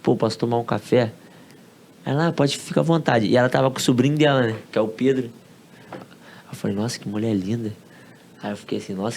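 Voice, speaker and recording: A man's voice: mid-range voice, creaky, darkish tone, a little hiss or hum. Male podcast guest, Carioca accent, easygoing slangy storyteller who acts out quotes. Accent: Carioca Brazilian Portuguese. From Rio de Janeiro, Brazil. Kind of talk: casual storytelling.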